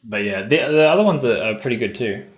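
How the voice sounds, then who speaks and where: A man's voice: medium pitch, animated, fast talker, soft background music. A man streaming live, casually brainstorming ideas for a tabletop game and thinking aloud with many hesitations.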